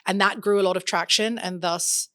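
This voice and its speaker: A young woman with an English accent, a podcast guest in a lively interview, who sometimes slips into playful put-on accents. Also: medium pitch, normal speed. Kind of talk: casual interview chat.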